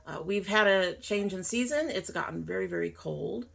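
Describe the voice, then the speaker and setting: A woman hosts her own channel, chatting informally while doing her makeup, and she sounds stuffy and sniffly from a sinus cold. Her voice is medium-pitched and fairly bright, with vocal fry at a normal pace, and she adds apologetic asides.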